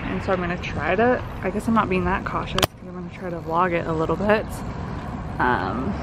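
A woman's voice: lowish voice, fairly quick. A young woman chatting upbeat and casual as she vlogs her trip, holding the camera. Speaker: vlogger. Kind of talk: casual vlog chat. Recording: loud outdoor traffic noise.

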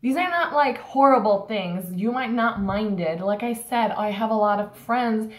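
With a fairly high pitch and normal speed, a young Turkish woman grumbles bluntly in her college vlog, leaning heavily on fillers. The small indoor room makes the recording reverberant.

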